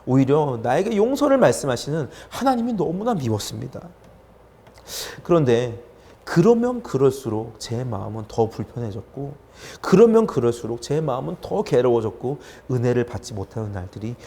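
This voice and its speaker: A young adult man preaching a sermon as a youth pastor, telling a personal story in an animated way and acting out his own quoted words. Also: mid-range voice, moderate pace.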